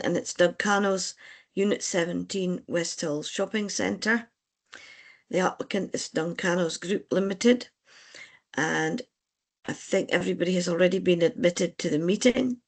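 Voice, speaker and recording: Convener with a gravelly voice. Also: medium pitch. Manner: procedural, measured, polite. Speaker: licensing board convener. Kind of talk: formal meeting chairing.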